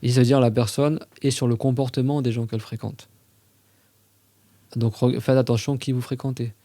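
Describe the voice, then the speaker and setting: A man giving a casual religious lesson on a podcast, talking conversationally and reciting Arabic verses slowly and carefully. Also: medium pitch, level tone, dark tone, dry recording.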